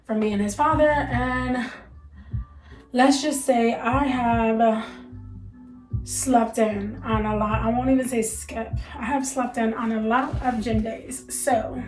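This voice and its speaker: A young American mother vlogs to camera in a casual, candid chat, her fairly high voice steady and slow but stuffy and congested from allergies. She fills her talk with plenty of fillers. The poor audio carries room echo and faint music behind her.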